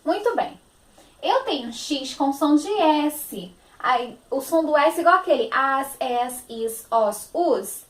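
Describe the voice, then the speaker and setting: A woman's voice: high-pitched, lively intonation, takes it slowly, echoey room. A woman teacher with a Brazilian Portuguese accent, giving a phonics lesson to young children, stretching out words in a sing-song, affectionate manner.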